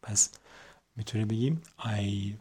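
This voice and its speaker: A man whose first language is Persian, teaching English by slowly reading English sentences, spelling words letter by letter and explaining them. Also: fairly low pitch, dark tone, breathy edge. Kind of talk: explaining an English text line by line.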